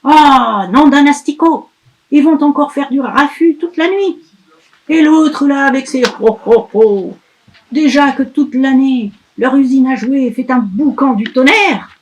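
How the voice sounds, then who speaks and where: A woman voicing a cranky old female witch who grumbles and scolds loudly in a storybook reading. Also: fairly high pitch, very animated, measured pace, a little hiss or hum, poor audio. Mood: irritated.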